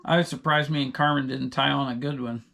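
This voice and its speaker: Gravelly man telling rambling stories. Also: mid-range voice, fairly even intonation, quick pace, bright, forceful tone. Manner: rambling, digressive storyteller. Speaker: podcast co-host. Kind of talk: casual chat.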